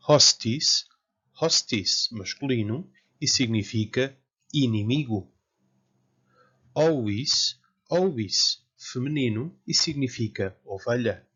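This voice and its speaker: Man with a European Portuguese accent, slow and deliberate, slightly husky voice, dull lo-fi recording. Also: mid-range voice, a bit bright. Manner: slow, careful, spells out word forms. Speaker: Latin teacher. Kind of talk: lecture. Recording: dull lo-fi sound.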